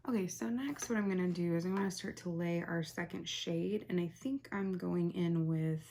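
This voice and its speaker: A young woman hosting a casual, chatty makeup tutorial, rambling softly as she works and often dropping to a near whisper. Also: fairly low pitch, moderate pace. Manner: rambling, soft-spoken, talks while working, often drops to near whisper.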